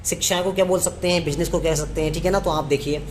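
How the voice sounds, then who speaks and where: A man teaching a grammar lesson, asking and answering his own questions and slowing down to spell out example sentences. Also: fairly high pitch, steady tone, slight background noise. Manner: repetitive question-and-answer teaching, slows down to spell out English phrases. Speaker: English teacher. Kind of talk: classroom lesson in Hindi.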